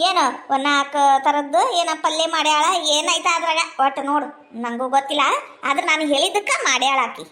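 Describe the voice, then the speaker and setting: Middle-aged woman, North Karnataka accent, high and bright, homely scolding housewife for a dialect comedy sketch. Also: a little hiss or hum. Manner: chatty, scolding homely talk. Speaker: village housewife in a comedy skit.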